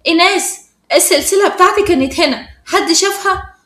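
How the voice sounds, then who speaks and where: A woman with an Egyptian accent voicing an outspoken teenage schoolgirl who talks in a sharp, agitated way. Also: very high voice, fast talker, roomy sound, pitched above the performer's own voice. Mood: worried. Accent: Egyptian Arabic.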